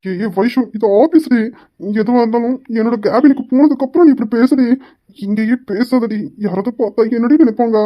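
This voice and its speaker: A woman's voice: on the high side, a little fast, muffled recording, close to an everyday voice. A woman playing a harried young man, an office boss and boyfriend, who scolds his late girlfriend. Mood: exasperated. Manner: exasperated, scolding. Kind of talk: amateur romance skit.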